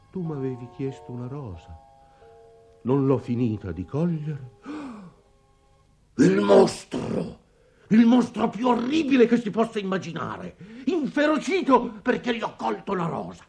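An actor playing an anguished old merchant father in a radio play, speaking with dramatic swells and hushed moments. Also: medium pitch, very animated, takes it slowly, pauses often, soft background music. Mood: dread.

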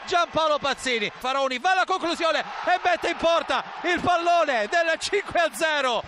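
A man giving live football commentary with emphatic, drawn-out exclamations on a noisy feed. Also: very high-pitched. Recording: clearly noisy stadium feed.

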